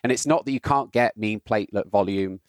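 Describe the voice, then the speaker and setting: A British man, a guest on a podcast, explaining health data tools in a casual, explanatory way, often checking in with a quick "right?". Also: on the low side, dry recording. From Britain. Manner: explanatory, builds points with rhetorical "right?".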